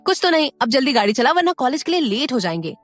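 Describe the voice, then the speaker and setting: A woman's voice: high voice, big pitch swings, fast talker, no echo, soft background music, pitched above the performer's own voice. A woman voicing a lovestruck young man who grumbles bluntly at his friend, in an audio story. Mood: grumbling.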